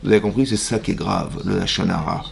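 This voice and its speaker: Fast-talking gravelly rabbi teaching a class. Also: male voice, deep voice, a little hiss or hum. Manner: asks the audience rhetorical questions and acts out both sides of imagined dialogues; uses Hebrew religious terms in everyday French speech. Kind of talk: lively mixed Torah class to a congregation. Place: synagogue classroom.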